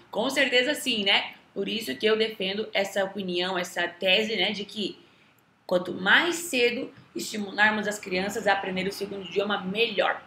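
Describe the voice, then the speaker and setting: Chatty Brazilian woman with a bright voice. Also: mid-range voice, slight background noise. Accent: Brazilian Portuguese. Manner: chatty, often tags sentences with a questioning aside. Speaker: English teacher. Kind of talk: casual talk to camera. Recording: roomy echo.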